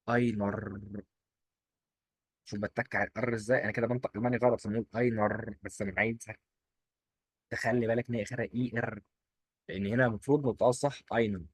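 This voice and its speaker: A man with an Egyptian Arabic accent teaching a German exam-prep lesson, quizzing and answering his own questions in quick drills. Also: mid-range voice, a little mellow, no room sound. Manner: coaxing, repeats rules in quick drills.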